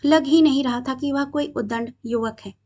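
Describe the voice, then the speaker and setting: High-voiced woman reading a story out loud, calm and measured. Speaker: story narrator. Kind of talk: reading a short story aloud.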